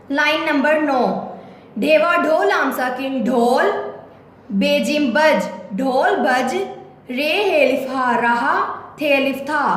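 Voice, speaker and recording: A woman teacher leading a children's reading lesson, spelling words out slowly letter by letter. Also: high-pitched, a bit bright, slight background noise. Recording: very echoey room, faint ambience.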